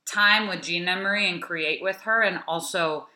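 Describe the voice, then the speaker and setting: Bright-voiced host woman in an echoey room. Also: lowish voice, moderate pace. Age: around 30. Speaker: podcast host. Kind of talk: casual interview chat. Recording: roomy echo.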